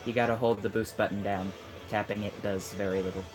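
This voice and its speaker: A man's voice: fairly low pitch, little pitch movement, fairly quick. A man chatting casually over a video game, teasing and giving tips to the friend playing beside him. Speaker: gamer coaching a friend. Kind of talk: casual let's-play chat. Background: game music.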